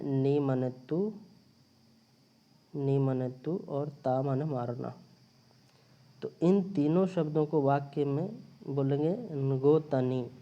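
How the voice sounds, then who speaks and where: Man, grammar teacher, very slow delivery, deep mellow tone, repeats himself to explain. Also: dull audio. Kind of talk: recorded linguistics lecture. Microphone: phone or screen recorder.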